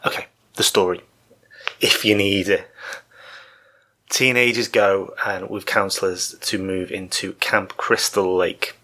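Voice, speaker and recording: A man giving informal film history commentary as a host, in thoughtful phrases broken by pauses. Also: deep voice, little pitch movement, pushed and bright.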